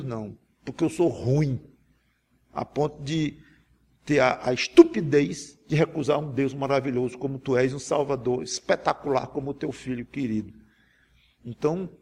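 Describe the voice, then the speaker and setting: A man delivering a sermon, his voice gravelly with a husky edge and sitting somewhat high for a man. He talks in an earnest, pleading way, often breaking off and restarting his phrases. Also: a little mellow. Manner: earnest, pleading, with many restarts and self-corrections. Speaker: preacher. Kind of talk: sermon with a spoken example prayer.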